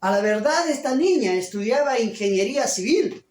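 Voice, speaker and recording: A man's voice: very high voice, expressive, moderate pace. An older man preaching a sermon as pastor, emphatic and often putting questions to his congregation. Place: church hall. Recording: roomy church hall echo.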